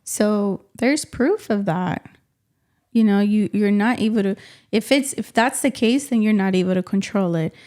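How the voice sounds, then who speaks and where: A woman co-hosting a podcast in casual, animated conversation, often adding "you know what I mean" and "man". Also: mid-range voice, unhurried. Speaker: podcast co-host. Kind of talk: casual chat.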